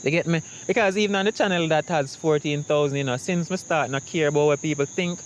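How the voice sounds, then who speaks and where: A YouTube vlogger with a Jamaican accent chats casually to the camera, rambling in a reflective, optimistic way. His voice sits on the high side and moves fast, with slight background noise behind it.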